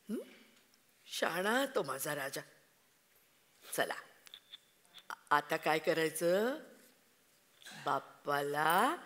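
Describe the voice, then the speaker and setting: A woman acting an anxious, devoted mother of a troubled son in a live stage reading, speaking in a coaxing, emotional way. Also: sits low. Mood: soothing. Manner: coaxing, emotional, slow and deliberate. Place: festival auditorium stage. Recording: long hall reverb.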